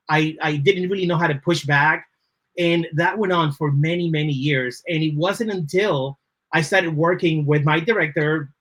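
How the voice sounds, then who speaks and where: Slightly bright and fairly high in pitch, this man's voice belongs to a creative leader appearing as a podcast guest. He's a native Spanish speaker from the Dominican Republic with a Dominican accent, giving thoughtful interview answers and frequently tacking on "right?".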